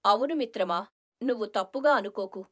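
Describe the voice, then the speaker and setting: A woman voicing a stern, loyal male alien in an animated story, in a put-on deep voice, earnest and scolding. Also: a little fast, natural voice. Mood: alarmed. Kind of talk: storybook cartoon voice acting.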